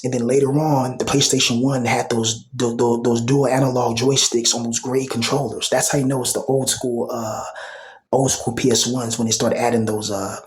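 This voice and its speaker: Over slight background noise, a vlogger in his thirties chats in a mid-range voice, loose and slangy, circling back on phrases and padding with fillers. Occasionally he lowers his voice to a whisper.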